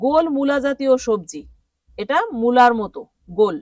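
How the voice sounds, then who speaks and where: A woman's voice: fairly high pitch, lively intonation, moderate pace, a little mellow, no echo. A woman teaching a vocabulary lesson, repeating each word and asking the listener to say it back. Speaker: language teacher. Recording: dry sound from a distant mic.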